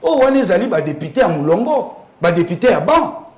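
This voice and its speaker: Rhetorical questions pepper this animated political interview, where a man with a Congolese accent explains his views with emphasis. His voice sits high with big pitch swings, moving fairly quickly in an echoey room.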